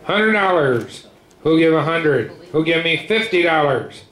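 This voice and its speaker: A man's voice: fairly high pitch, expressive, a little slow, a bit bright. Male auctioneer chanting bids, echoey room. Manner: repetitive patter with filler words between numbers. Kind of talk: rapid rhythmic auctioneer chant calling bids. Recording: echoey room with clear background noise.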